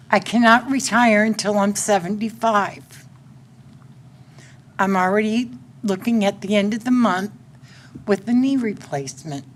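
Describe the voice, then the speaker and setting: Using a podium microphone at a city council meeting, a woman in her sixties makes a plain plea during public comment. She has a mid-range voice and a Central Texas accent.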